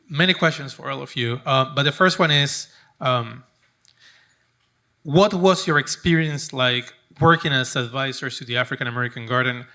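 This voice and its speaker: A man's voice: mid-range voice, bright, forceful tone. A man moderating a panel, friendly as he poses questions to the advisors.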